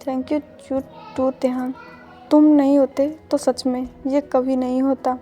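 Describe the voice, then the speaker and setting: A woman's voice: high voice, little pitch movement, slow, dark tone, soft background music. A woman voicing a grateful young man who is newly engaged, in a told love story.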